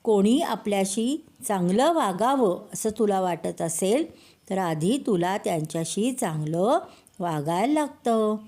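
Slow gentle grandmother telling kids a story. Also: medium pitch, animated. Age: older. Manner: slow, gentle, addresses children directly. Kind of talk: children's storytelling.

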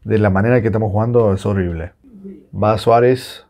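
A Uruguayan man with a Rioplatense accent, reacting live to a football match with excitable, swearing rants. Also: lowish voice, normal speed, creaky. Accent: Rioplatense Spanish. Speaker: football fan reacting on his channel.

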